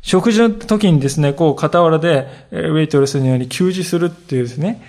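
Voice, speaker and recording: A man delivers a sermon as a pastor, with a somewhat high voice roughened by gravelly fry. His storytelling is earnest and animated. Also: fast.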